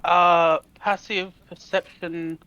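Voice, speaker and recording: A man's voice: sits high, flat delivery, slow, dull audio, background noise. A man chatting casually as a tabletop game player, hesitant and often repeating words. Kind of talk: casual chat.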